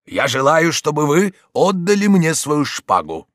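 A man voicing a stern, commanding older male high judge who speaks insistently in an audiobook. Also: big pitch swings, measured pace, dry recording, studio quality.

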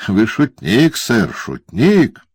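A fawning, scratchy-voiced lawyer, as a male reader plays him, flattering in a high, thin voice. His lines rise and dip eagerly, heard close and dry. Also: slow, slightly rough, dry recording, full character voice. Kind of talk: audiobook character voice.

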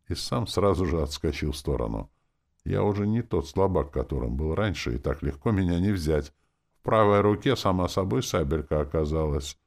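A man's voice: extremely low pitch, gravelly, a little mellow. A man narrating a first-person fantasy story in a dry, wry manner. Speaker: audiobook narrator.

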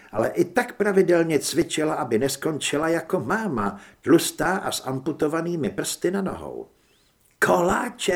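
A man narrating an audiobook in a lively storytelling manner. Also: on the high side. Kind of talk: scripted narration.

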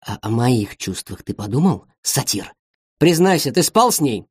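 A man's voice: medium pitch, sing-song, moderate pace, slightly rough, no echo, voice pushed down. A man voicing Tanya, a stern, furious middle-aged mother who barks commands. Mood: accusing. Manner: barking, commanding.

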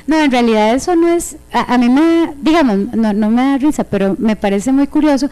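A Costa Rican woman co-hosting a radio show, enthusiastic, quoting local slang with lively voices. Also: high voice, fairly quick.

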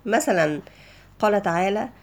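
A woman with an Egyptian Arabic accent teaching a tajweed lesson for beginners, explaining the rules step by step in relaxed colloquial speech. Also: mid-range voice, moderate pace. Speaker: Quran recitation teacher.

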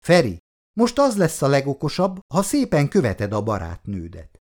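A man's voice: medium pitch, huge pitch swings, a little mellow, pitched above the performer's own voice. A male reader voicing a cool, proud young woman who answers her fiancé in clipped, icy replies. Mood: cold. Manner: cold, clipped, tight replies.

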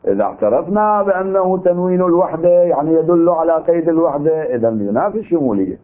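A man's voice: fairly high pitch, lively intonation, quick pace. A man with an Iraqi Arabic accent teaching a seminary lecture on legal theory, arguing his point through rhetorical questions. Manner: argumentative, poses rhetorical questions. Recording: tinny narrow-band recording.

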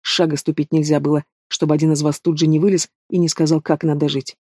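Audiobook heavy: mocking young thug, read by a man, mellow and fairly high. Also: flat delivery, fast talker, dry recording, studio quality, natural voice. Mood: scornful. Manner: taunting, drawling, casual menace. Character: sneering young male villain, lazy and mocking. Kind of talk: audiobook character voice.

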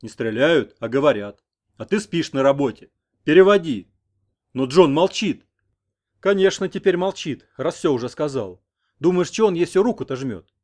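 A man voicing a pompous middle-aged village head who barks orders loudly. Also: a little high, animated, moderate pace, pitched above the performer's own voice. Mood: bossy. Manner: bossy, loud.

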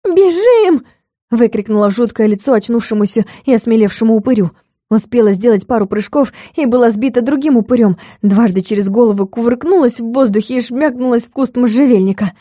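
A woman narrating a first-person fantasy story as an audiobook, lively and expressive in her telling. Her voice is mellow and sits at a middle pitch. The recording is dry and close, with no room around it. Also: quick pace, dry recording.

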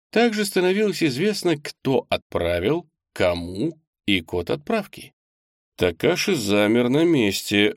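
A man reading first-person narration from an audiobook in a steady, expressive way. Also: low voice, no echo, clean studio sound.

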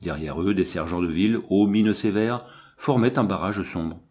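A man's voice: sits low, normal speed, darkish tone. A man reading a first-person story aloud as an audiobook narrator. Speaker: audiobook reader.

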